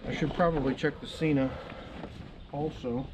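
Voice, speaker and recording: A man's voice: a little high, fairly even intonation, normal speed, highs cut off, noisy background. A man casually talking through his motorcycle camera setup outdoors, chatting to himself as he fiddles with gear. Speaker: motovlogger.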